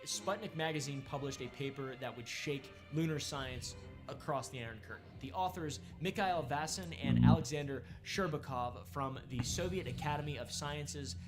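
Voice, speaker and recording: A man with a slightly high voice hosts a comedic conspiracy commentary. He rambles and throws in jokey asides with mock-dramatic emphasis. Background music plays clearly under his voice. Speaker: host.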